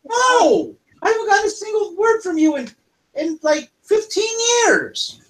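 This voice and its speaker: A man's voice: extremely high pitch, normal speed, pitched above the performer's own voice, rough recording. A man voicing an emotional young male kobold adventurer reuniting with an old friend. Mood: overjoyed. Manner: excited, near crying.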